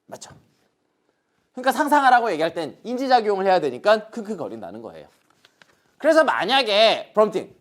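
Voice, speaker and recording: A Korean man teaching an English grammar lesson online, asking questions and answering them himself while pointing things out on the board. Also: high voice. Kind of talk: online lecture.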